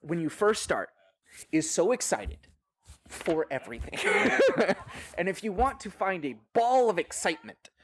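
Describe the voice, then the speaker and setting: A man's voice: high-pitched, wildly swooping pitch, unhurried, husky. A man on a discussion panel, chatty, often laughing and acting out quoted voices as he tells stories.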